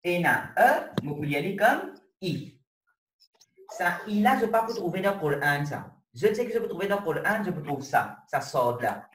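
A man leads an online lesson, walking through each step and checking that everyone follows. His pitch rises and falls a great deal, and he sounds distant in an echoey room with faint hiss behind him. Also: big pitch swings, moderate pace. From Mauritius. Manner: explains step by step, keeps checking students follow. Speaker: Arabic teacher. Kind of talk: online class lecture. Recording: roomy, distant with faint noise.

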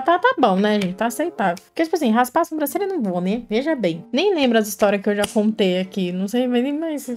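A woman's voice: mid-range voice, darkish tone. A young woman, chatting to viewers while doing cosplay makeup and telling childhood stories in a slangy, self-mocking way. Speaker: cosplay vlogger.

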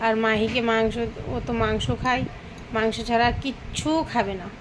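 A woman's voice: on the high side, little pitch movement, moderate pace, background noise. A woman vlogging about her pets at home, talking to viewers as friends and cooing sweetly to the animals. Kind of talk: casual pet vlog narration.

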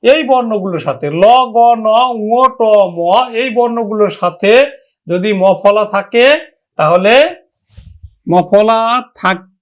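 A teacher gives a pronunciation lesson at a medium pitch. Each example word is drawn out slowly and said again and again. The teacher keeps asking the listener questions and then answers them. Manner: drawn-out, careful sounding of example words.

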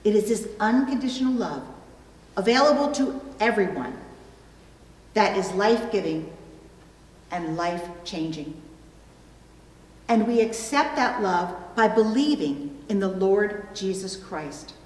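Preaching at an unhurried pace, a middle-aged female pastor weaves illustrative stories into her sermon, shaping each phrase deliberately with emphatic pauses. Her medium-pitched voice is animated and somewhat dark in tone. She stands at an indoor church pulpit, captured from afar in an echoing hall with long reverb.

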